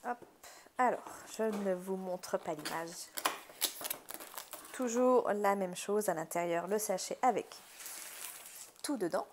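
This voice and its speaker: A woman's voice: mid-range voice, slow, long pauses, noisy background. A woman with a French accent chatting casually through a craft unboxing, talkative, with frequent fillers and easy laughter. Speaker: craft video creator.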